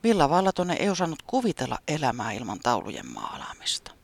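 A gentle storyteller reading a children's tale with lively, expressive pitch. At times the voice drops to a soft whisper, and the recording is close and dry. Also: creaky, no room sound.

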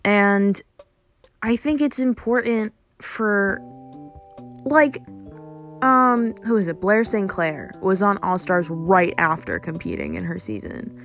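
A woman's voice: medium pitch, animated, takes it slowly, a bit bright, soft background music. A young woman hosting a casual solo podcast, rambling with lots of fillers and casual swearing. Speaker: podcast host.

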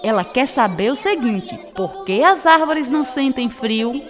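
A woman's voice: high-pitched, expressive, a little slow, soft background music. A woman co-hosting a children's programme as a kids show host, with playful scripted banter.

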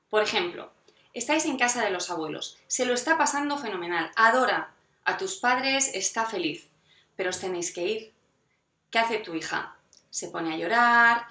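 Woman, parenting educator, expressive and lively, recorded in a roomy space. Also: a little high. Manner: animated, acts out quoted dialogue with parents and children. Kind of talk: advice talk to parents.

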